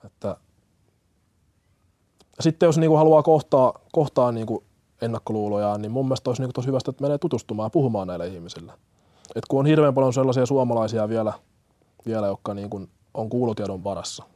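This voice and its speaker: A man's voice: mid-range voice, warm tone, dry recording, clean studio sound. A young man, a firefighter-paramedic from Kenya, answering interview questions earnestly with many fillers and restarts.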